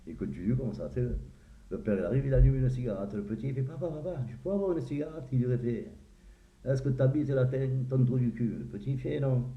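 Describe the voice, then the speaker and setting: A man's voice: mid-range voice, fast. A man telling crude jokes in a casual way, acting out the characters and laughing at his own punchlines. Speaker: joke teller. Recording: echoey, tinny phone-like sound.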